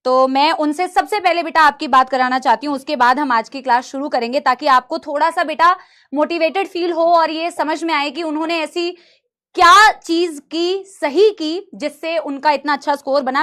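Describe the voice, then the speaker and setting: Casual online class with a woman teacher. her voice sits high and she keeps up a friendly, chatty patter with her students, calling them in close. she is coming through a laptop mic. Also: moderate pace, fairly bright tone. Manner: chatty, addresses students fondly. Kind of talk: live online class talk.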